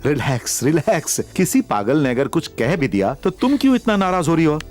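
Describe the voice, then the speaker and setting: A man's voice: fairly high pitch, big pitch swings, normal speed, over loud music. A doting, cautious film father. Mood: coaxing. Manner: soothing and teasing. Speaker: dubbing actor.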